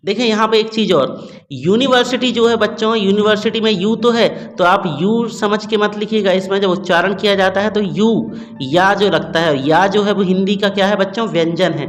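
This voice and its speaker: A man teaching a grammar lesson, explaining step by step to students and checking understanding often. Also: high-pitched. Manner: addresses students as "bachcho".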